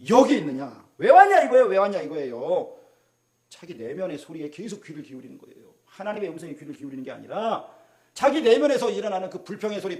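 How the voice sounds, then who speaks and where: A Korean pastor delivers a sermon in a fairly high, very lively voice. He lurches from loud cries down to soft, near-whispered asides and keeps asking his congregation questions. The sound rings with the echo of a church room. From South Korea. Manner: swings from loud exclamations to hushed asides, asks the congregation questions. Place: church sanctuary. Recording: roomy echo of a church hall.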